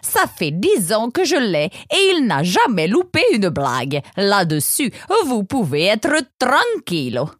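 A woman voicing a smooth-talking male shopkeeper in a storybook, salesy and playful, sprinkling in foreign words. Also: medium pitch, sing-song, slow, few pauses, no echo, studio quality. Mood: cheery salesman. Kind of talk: audiobook character voice.

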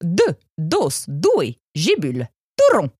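A woman voicing a smooth-talking male shopkeeper in a storybook, salesy and playful, sprinkling in foreign words. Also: on the low side, wildly swooping pitch, slow pace, darkish tone, no room sound, studio quality, heavily acted. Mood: smooth persuasive. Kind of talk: audiobook character voice.

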